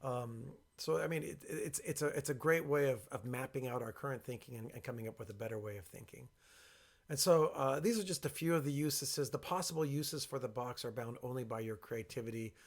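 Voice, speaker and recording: A man presenting informally and explaining his work, speaking with a box over his head, in a creaky voice. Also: medium pitch, fairly quick. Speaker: workshop creator and presenter.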